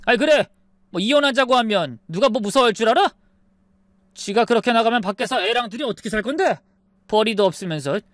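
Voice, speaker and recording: A woman reading the part of an irritated young husband in a dramatized family story. He sounds demanding and heated, with pitch swinging widely. The recording is dry and close. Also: dry recording, lightly acted. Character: angry young husband siding with his mother.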